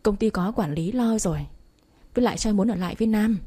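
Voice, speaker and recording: A woman's voice: medium pitch, fast, dark tone, slightly rough, lightly acted. A woman voicing a clumsy, eager young woman who runs a company. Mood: flustered. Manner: flustered, pleading.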